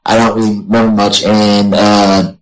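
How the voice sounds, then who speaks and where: A man's voice: fairly low pitch, little pitch movement, normal speed, low-quality recording. A young man being interviewed as a guest wrestler, answering in a rambling way full of fillers and apologies. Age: young adult.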